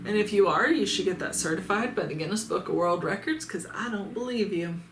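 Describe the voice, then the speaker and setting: Speaking briskly at a medium pitch against a noisy background, a Midwestern American woman reads viewer comments aloud for her casual vlog. She reviews adult toys on YouTube and comes across as blunt and sarcastic, cursing without restraint. The room sounds echoey, with faint ambience.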